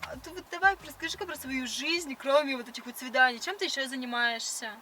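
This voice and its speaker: A woman's voice: high voice, fast talker, pushed and bright. A young woman in casual conversation on a date, asking insistent, sardonic, challenging questions. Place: in a car. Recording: slightly distant mic, faint noise.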